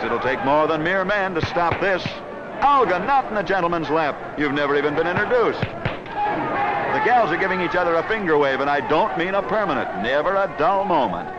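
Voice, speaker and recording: Amid crowd noise, a man whose voice runs on the high side calls a wrestling bout in brisk, sing-song fashion. The 1940s newsreel commentary is scripted and full of wisecracks, slang, and theatrics, and the old 16mm soundtrack is dull and noisy.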